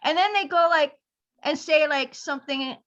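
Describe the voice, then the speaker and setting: Her voice is high and her pace normal as she rambles through a casual chat as a guest, laughing and animatedly acting out quotes. The audio is lo-fi and slightly dull.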